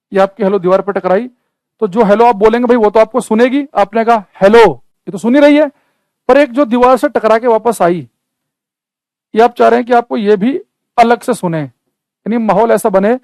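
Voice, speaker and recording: High-voiced male physics teacher, dry sound. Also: moderate pace, long pauses, a little mellow, dry recording, poor audio. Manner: explains step by step, asks the class questions. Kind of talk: classroom physics lecture.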